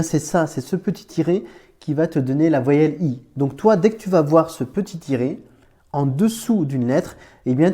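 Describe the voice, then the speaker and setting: Male teacher, warm mellow tone, patient and repetitive, friendly one-to-one lesson delivery. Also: a little high. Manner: patient, repeats points, talks to learner as tu; playful memory images for letters. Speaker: Arabic reading teacher. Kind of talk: informal explanatory lesson.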